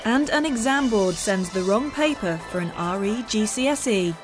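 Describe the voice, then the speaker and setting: A woman narrates a documentary series from a script, her voice at a mid pitch. Her delivery stays even and informative. Clear music plays beneath her. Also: normal speed.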